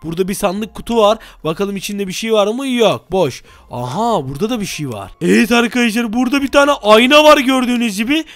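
A man's voice: high-pitched, animated, brisk, hardly any pauses, a bit bright, no room sound. A young man hosting a game video, narrating with dramatic, easily frightened reactions. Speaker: gaming video host. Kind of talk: excited game commentary.

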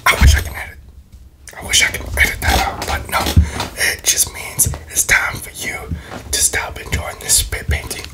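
A young man doing a playful, teasing whispered role-play for ASMR, breathy and close to the mic, with tingly wet mouth sounds. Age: young adult. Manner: playful, teasing, slow murmured repetitions. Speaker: ASMR video creator. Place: small bedroom, indoors. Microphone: close desk microphone in front of him.

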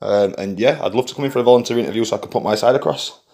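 A man's voice: medium pitch, racing, creaky, a little mellow, echoey room. A young man talking informally and hesitantly, often repeating phrases and calling people mate. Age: young adult. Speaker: vlogger on a phone call with police. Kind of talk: conversational phone call, informal. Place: small indoor room at home.

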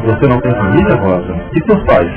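Old radio soap: a frank, kindly cousin, lively delivery, thin lo-fi sound over music. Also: male voice, lowish voice, a little fast. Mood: warm. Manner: frank and reassuring. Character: kind, frank male cousin, encouraging. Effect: old radio drama recording. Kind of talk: 1980s radio soap acting.

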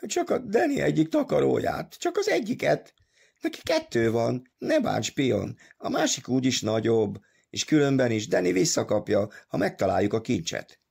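A man voicing a whiny, simple-minded vagrant who pleads and whimpers, pitched far above his own low voice. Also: animated, vocal fry, hardly any pauses, a little mellow, husky, exaggerated voice. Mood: pleading.

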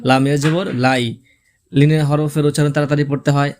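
Male tutor, higher than usual pitch, spells letters and marks one by one, slow recited words. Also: flat delivery, darkish tone. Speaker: Quran reading teacher. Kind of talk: step-by-step recitation lesson.

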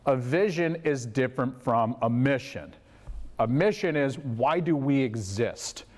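Loud booming man with a teacher's voice. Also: unhurried. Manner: gets louder when animated, asks the room questions. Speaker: workshop facilitator for a school board. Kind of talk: interactive presentation to a meeting. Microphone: lapel mic.

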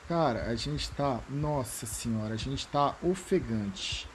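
A man's voice: medium pitch, slow pace, a little hiss or hum. A man with a Brazilian Portuguese accent giving slangy live commentary while he plays, thinking aloud and repeating short phrases. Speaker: game streamer.

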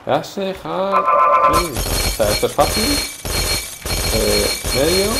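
Excitable man with lively pitch. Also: creaky. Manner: excitable, exclamatory reactions. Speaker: gameplay commentator. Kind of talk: let's play commentary. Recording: audible background noise and keyboard clicks.

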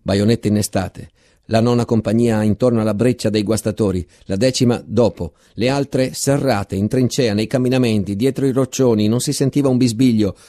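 A man giving an intense, measured dramatic reading of a literary text, repeating words for effect. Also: on the low side, steady tone, warm tone. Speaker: reader.

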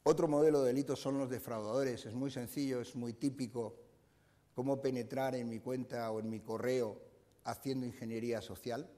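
A man's voice: medium pitch, mellow, in a large hall. An older man giving a conference lecture in a university room, explaining at length with frequent "eh" fillers and restarts. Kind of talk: conference talk.

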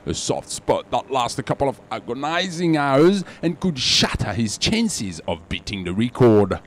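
A man with a French accent, reading scripted sailing news as the show's presenter in a measured, dramatic voice-over. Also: medium pitch, big pitch swings. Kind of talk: scripted sports news narration.

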